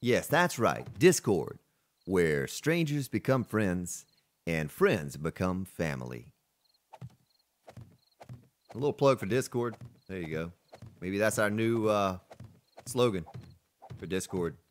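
Speaking slowly in a low, sing-song voice with many pauses, a man from Florida chats on a live game stream. Between remarks about the gameplay, he answers his viewers in an easygoing way.

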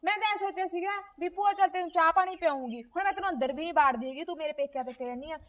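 Casting: woman as a defiant young wife; a high, fast voice, defensive and grumbling. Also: muffled recording. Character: defiant young wife of the household, retorting sharply. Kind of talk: amateur comedy short film acting.

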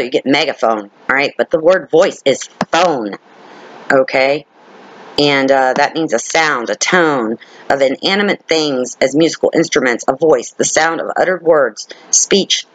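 A man with a somewhat high voice leads an informal Bible study. He reads scripture aloud and then explains it piece by piece. He repeats key words for emphasis and keeps checking in with his listeners. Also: lively intonation, normal speed, a bit bright, poor audio. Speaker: Bible teacher.

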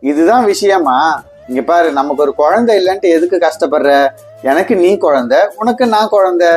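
A man's voice: high voice, expressive, normal speed, a little mellow, soft background music. Teasing man in a comedy skit. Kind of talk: scripted family comedy skit.

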